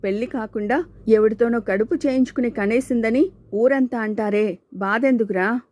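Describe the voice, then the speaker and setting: An arrogant young male bully sneers and taunts, as a woman reads him in an audiobook. The voice stays close to her own dark, mellow tone. The sound is dry and close. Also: a little high, normal speed, no echo, natural voice. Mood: sneering. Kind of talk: audiobook character voice.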